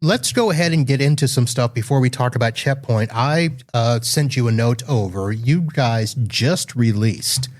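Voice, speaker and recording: A man's voice: medium pitch, normal speed, few pauses. A man hosting a business technology podcast, asking questions in a casual, friendly way with plenty of fillers. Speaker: podcast host. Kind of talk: conversational podcast interview.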